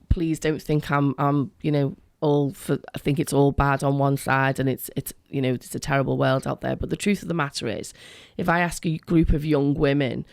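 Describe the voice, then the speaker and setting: Creaky-voiced woman, earnest radio guest. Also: a bass voice, a little mellow, dry recording, studio quality. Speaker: education worker, interview guest. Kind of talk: conversational radio interview.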